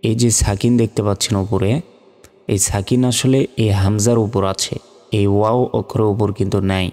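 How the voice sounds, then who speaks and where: A man's voice: on the low side, fairly even intonation, brisk, darkish tone, in a large hall, soft background music. A man teaching Quran reading, spelling out each letter and vowel mark syllable by syllable. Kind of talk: step-by-step spelling lesson.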